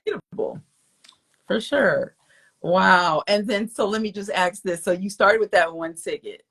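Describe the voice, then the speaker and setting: A woman's voice: medium pitch, unhurried, vocal fry, a bit bright, husky. A woman hosting a podcast interview, encouraging her listeners and speaking to them directly. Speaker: podcast host. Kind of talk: casual interview chat.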